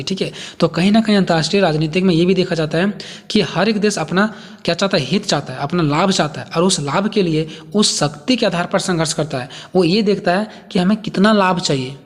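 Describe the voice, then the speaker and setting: रुक-रुक कर समझाता शिक्षक, गूंजता कमरा. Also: male voice, a little high, long reverb tail. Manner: repetitive, asks and answers own questions. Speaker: teacher. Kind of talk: explaining lecture.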